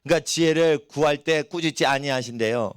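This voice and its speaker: A man's voice: fairly high pitch, brisk, clean tone, no echo, clean studio sound. Folksy middle-aged male pastor preaching. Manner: folksy, acts out voices of people and animals in his stories. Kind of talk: sermon. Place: church.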